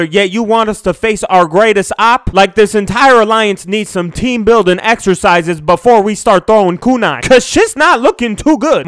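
A man's voice: high voice, a bit bright, clear, resonant tone, no room sound. A young man giving crude, sarcastic, slang-heavy comedic voice-over commentary on anime fight scenes.

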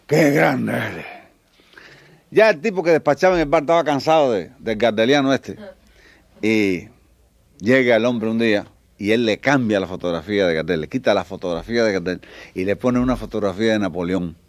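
A man's voice: lowish voice, brisk, no echo. A man telling jokes to a live audience, acting out each character's lines. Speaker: stand-up comedian.

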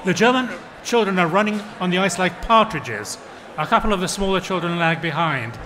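High-voiced man reading a translation aloud. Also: fairly quick, sharp tone. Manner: acts out the characters' lines in shifting voices. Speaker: literary translator on a panel. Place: panel session at a book fair.

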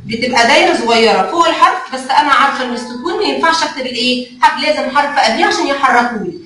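A woman's voice: high-pitched, very fast, pushed and bright. Egyptian kindergarten teacher, woman, stretches out the letter sounds, faint background noise. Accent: Egyptian Arabic. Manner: asks questions and answers them herself, coaxing. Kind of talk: children's phonics lesson. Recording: very echoey room, mic far off, faint noise.

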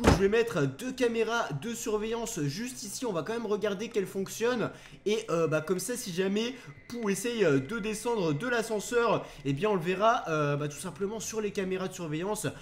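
A man's voice: sits high, slight background noise. A young man hosting a Minecraft video, commenting on the game to viewers in a theatrical, easily alarmed way. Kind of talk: dramatised gameplay commentary addressed to viewers.

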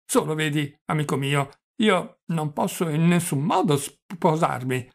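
A man's voice: on the high side, animated, a little slow, gravelly, pitched above the performer's own voice. A man reading the part of a forgetful, rambling old prince who stammers and drops French phrases, in an audiobook. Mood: fretful. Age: older.

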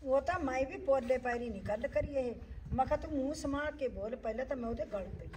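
A woman's voice: sits high, quick pace, darkish tone, slight background noise. Wailing middle-aged woman, gossiping. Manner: dramatic wailing, scolding. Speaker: village gossip. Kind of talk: Punjabi short drama acting.

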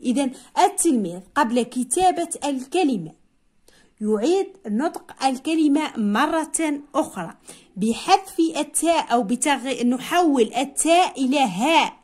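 High, lively woman teaching slowly. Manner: slow, drawn-out dictation of single words, repeating each; asks pupils questions and answers them herself. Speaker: primary school teacher. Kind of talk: Arabic spelling lesson.

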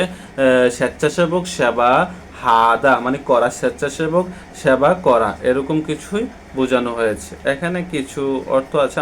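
Bangladeshi male language tutor, mid-pitched, halting, filler-heavy delivery, light background noise. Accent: Bangladeshi Bengali. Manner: hesitant, many drawn-out "ah" fillers between words. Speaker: Korean language teacher. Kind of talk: explaining textbook vocabulary.

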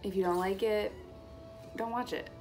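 A woman's voice: mid-range voice, fairly even intonation, normal speed, a little mellow, faint music behind. A woman in her twenties, a mom, chatting casually to camera in a light, self-mocking vlog. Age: 20s. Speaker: vlogger and mom.

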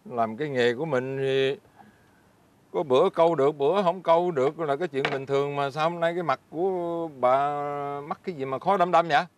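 An older man with a Southern Vietnamese accent plays a poor, laid-back old fisherman in fairy-tale drama acting, chuckling and hesitating as he speaks. His voice is on the high side and brisk, lightly acted, with background noise.

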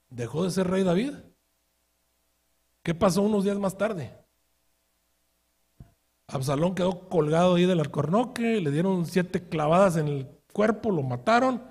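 A male pastor preaches in a husky, fairly high voice. He tells the story with vivid acted-out quotes and rhetorical questions to the congregation. His delivery swings between hushed asides and loud, forceful bursts. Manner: shifts from quiet asides to loud shouted outbursts. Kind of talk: sermon.

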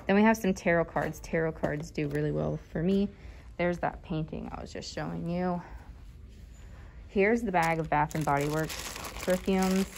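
A woman's voice: fairly low pitch, steady tone, moderate pace, gravelly, darkish tone, slight background noise. A woman in her thirties, a vintage reseller, chatting casually through a thrift-store haul, thinking aloud with fillers and small laughs, recorded on a handheld phone in a large store.

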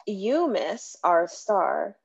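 A woman's voice: mid-range voice, big pitch swings, slow pace, husky, lo-fi sound, full character voice. A woman reading the part of a sassy, confident young woman singer at a script read-through. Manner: sassy, cutting.

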